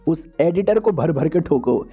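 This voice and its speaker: A man's voice: lively intonation, measured pace, dark tone, breathy edge, soft background music, heavily acted. A man voicing an arrogant, domineering rich young man who teases and orders people around. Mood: domineering swagger. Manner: low, bossy, teasing.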